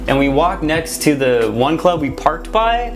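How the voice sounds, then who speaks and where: A man's voice: fairly high pitch, very animated, a little slow. Rambling young man, music underneath. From Miami, USA. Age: 20s. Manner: rambling, full of "like" fillers. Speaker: vlogger. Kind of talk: casual storytelling to camera. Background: music playing underneath.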